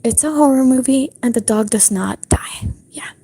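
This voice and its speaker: A young woman talks to her stream in a soft, breathy whisper, rambling along with plenty of fillers. Her voice sits a little high but sounds dark and mellow, and she keeps it low the whole time. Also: normal speed. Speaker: livestreamer. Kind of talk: whispered casual stream chat. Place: apartment restroom.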